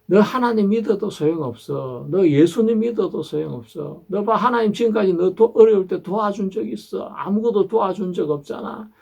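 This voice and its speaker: A man putting on a jeering, high-pitched devil. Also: animated, moderate pace, vocal fry, hardly any pauses, mellow, breathy edge, full character voice. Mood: taunting. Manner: jeering, pushy, mocking. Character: taunting male devil tempting believers.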